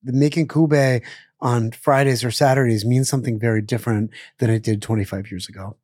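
His mid-range, darkish voice moves fairly quickly with fairly even intonation as this middle-aged chef rambles casually in an interview, full of fillers and restarts. He was born in Israel and raised in Pittsburgh, and the clean studio sound has no room ambience.

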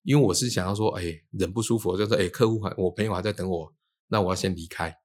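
A man's voice: low voice, fast. A man, a feng shui teacher telling stories in casual chat and acting out the quoted dialogue. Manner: animated, acts out quoted dialogue.

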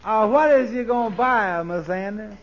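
An actor playing a meek, slow-witted, good-natured sidekick in a 1940s radio comedy, with a hesitant folksy drawl. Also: male voice, sits high, lightly acted. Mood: puzzled, agreeable. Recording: dull lo-fi 1940s radio recording.

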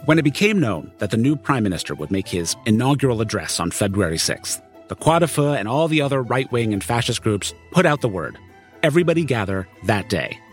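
A man tells a scripted story in a conversational podcast style. His mid-pitched voice moves around in lively swings. Music plays behind him. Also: brisk, few pauses. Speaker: narrator and reporter.

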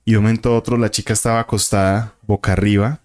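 A man's voice: on the low side, little pitch movement, rapid-fire, darkish tone. A man, a guest telling a vivid story and acting out the voices and sounds in it. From Colombia. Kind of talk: casual storytelling of a paranormal experience.

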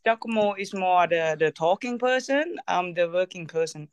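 A woman's voice: on the low side, lively intonation, moderate pace, clear, resonant tone, no echo. Shy woman from Thailand. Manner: shy, brief hesitant answers. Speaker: tattoo artist, guest. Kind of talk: casual interview.

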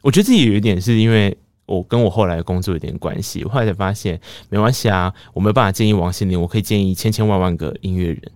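A man in his thirties with a Taiwanese Mandarin accent hosts a podcast, telling stories from his youth in a relaxed way. His voice sits fairly low, and it climbs sharply when he gets excited or breaks into laughter. He is recorded close to a dry mic. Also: rapid-fire, few pauses, dry recording. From Tainan, Taiwan. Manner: animated, laughing, jumps high when excited. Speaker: podcast host. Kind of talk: casual storytelling monologue.

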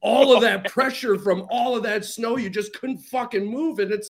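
A man's voice: high-pitched, moderate pace. A man co-hosting a podcast, reacting in casual chat with swearing and amazement. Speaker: podcast co-host.

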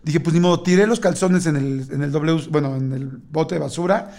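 A man's voice: on the high side, a little fast, gravelly. A middle-aged man with a Mexican accent, telling a story in casual chat and acting out the other people's lines. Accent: Mexican Spanish. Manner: animated storyteller acting out dialogue.

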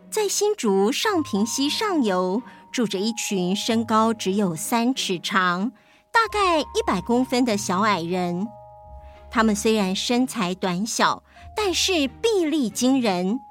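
Slow-paced woman storyteller. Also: a little high. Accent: Taiwanese Mandarin. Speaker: storyteller host. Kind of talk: scripted narration.

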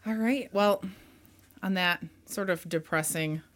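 A woman co-hosting a history podcast, explaining in a measured way, with some vocal fry. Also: mid-range voice, a bit bright. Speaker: podcast co-host. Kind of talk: casual history podcast discussion.

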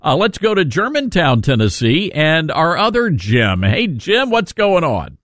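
A man's voice: fairly high pitch, big pitch swings, a little slow, fairly bright tone, dry recording, clean studio sound. A male talk radio host giving folksy, conversational live commentary. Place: dry radio studio.

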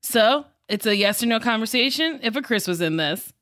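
A woman's voice: a little high, animated, moderate pace, fairly bright tone, no room sound, studio quality. A woman co-hosting a podcast in casual chat, bubbly and full of playful quips. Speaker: podcast co-host.

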